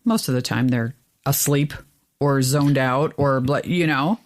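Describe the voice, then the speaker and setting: Animated woman telling a story. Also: measured pace. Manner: animated storyteller, rises in pitch when exasperated. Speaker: podcast co-host. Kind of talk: casual chat.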